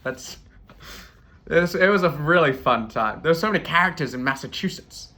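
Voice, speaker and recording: A British man hosting a comedy show and telling rambling stories with deadpan asides. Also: a little high, moderate pace. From Britain. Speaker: comedian host. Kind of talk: stand-up storytelling.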